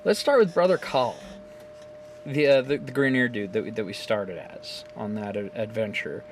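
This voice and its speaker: A gaming video creator films himself on his phone at home, giving a rambling, profane, casual recap of a game's story and laughing often. His voice is lowish, his pace moderate, with slight background noise.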